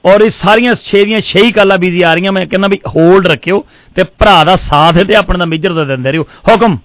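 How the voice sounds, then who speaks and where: A man's voice: high-pitched, fairly quick, no echo. A man with a Punjabi accent hosting a radio call-in show, effusive and often repeating his phrases. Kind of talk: live music request show chat with sponsor reads.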